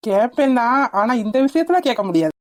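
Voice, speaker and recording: A woman's voice: fairly high pitch, very animated, fairly quick, a little mellow, no echo, studio quality. A woman voicing a newly married young husband in a cartoon, teasing and stubborn.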